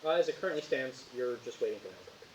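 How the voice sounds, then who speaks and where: A man's voice: mid-range voice, lively intonation, racing. Rambling man running a tabletop game. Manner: rambling, laughs often, many fillers. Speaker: game master. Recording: echoey, muffled, faint hiss.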